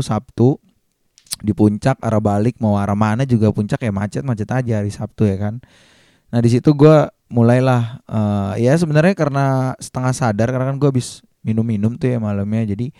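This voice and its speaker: A man's voice: on the low side, no room sound, studio quality. A man, telling a personal story casually and acting out the dialogue. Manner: lively slangy retelling, acts out quotes in a raised voice. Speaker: vlogger.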